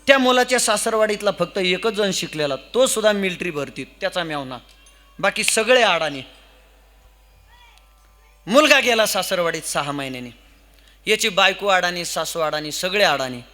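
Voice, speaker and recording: Bright-voiced man preaching a kirtan. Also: high-pitched, moderate pace. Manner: storytelling, lively, chanting verses. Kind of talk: humorous devotional kirtan sermon.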